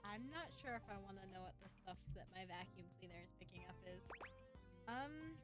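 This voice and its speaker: A woman streaming a dating game, chatting playfully and reacting out loud to what happens. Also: medium pitch, lively intonation, a little fast. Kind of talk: casual gameplay commentary. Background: game music.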